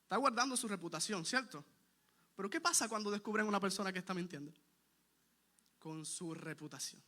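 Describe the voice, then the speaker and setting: Bright, high-voiced man preaching a sermon. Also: a little fast. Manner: questions the congregation directly; earnest, emphatic preaching with repeated points.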